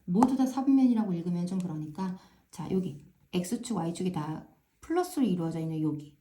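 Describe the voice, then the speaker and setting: Casting: woman math tutor, low-ish, very mellow tone, casual chatty lesson, keeps checking in with students. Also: very animated, normal speed. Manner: frequent tag questions checking understanding; repeats filler "ja" to pace steps. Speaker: math teacher.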